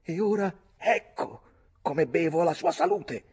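A man reading an audiobook, voicing a hot-headed young lad in a shrill, strained voice. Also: animated, measured pace, a little mellow, husky, heavily acted. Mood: shrill fury.

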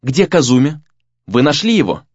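A man's voice: mid-range voice, very animated, moderate pace, husky, no echo, dull audio. A man voicing Nara, a wary young apprentice girl. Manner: anxious and hesitant. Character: wary, serious young female temple apprentice.

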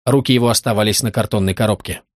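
A man reading a crime novel aloud in a steady, even storytelling manner. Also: fairly low pitch, very fast, dry recording, studio quality. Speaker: audiobook narrator. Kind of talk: scripted narration.

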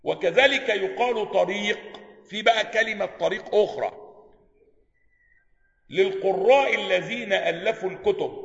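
A man's voice: high-pitched, normal speed, creaky, pauses often, fairly bright tone. A man with an Egyptian accent teaching a class on Quranic sciences. He reads a passage aloud, explains it, and keeps asking his students whether they follow. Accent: Egyptian Arabic. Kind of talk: classroom lecture explaining a text. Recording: echoey hall, slightly dull sound.

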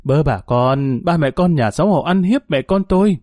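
A man voicing a shrill, spiteful older village woman who screeches abuse. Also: animated, normal speed, darkish tone, no room sound, studio quality, close to an everyday voice. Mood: shrieking abuse. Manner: screeching, abusive.

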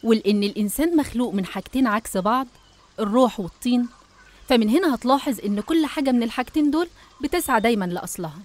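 Speaking rapid-fire in an expressive, high-leaning voice, a woman with an Egyptian accent tells a scripted religious story. She teaches as she goes, talking straight to the listener.

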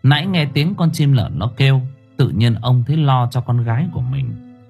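A man narrating an audiobook story in a dramatic, expressive way. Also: mid-range voice, normal speed, vocal fry. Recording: faint music underneath.

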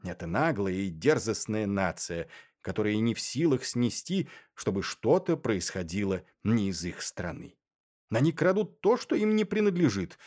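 Man narrating in a measured, dry tone. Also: fairly low pitch, very animated, a little mellow. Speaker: audiobook narrator. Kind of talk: first-person literary narration.

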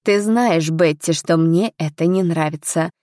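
A woman's voice: on the low side, a little slow, darkish tone, no room sound, studio quality, natural voice. A woman voicing a remorseful young nobleman who confesses in a grave, sober tone.

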